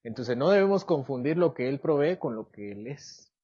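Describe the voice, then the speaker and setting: Man, Bible teacher, church class, mid-pitched voice, asks the room questions, slightly muffled lo-fi sound. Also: animated, normal speed, warm tone, husky.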